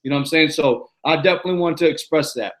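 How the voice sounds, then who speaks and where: A New York-accented man living in Arizona hosts a live-stream motivational Q and A, his fairly high, bright voice coming out rapid-fire. He's emphatic, preachy and repetitive, constantly asking "you know what I'm saying."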